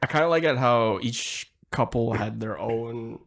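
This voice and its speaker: A man's voice: medium pitch, a little slow, vocal fry, a bit bright. A man co-hosting a casual movie review podcast, talking hesitantly with many fillers. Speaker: podcast co-host.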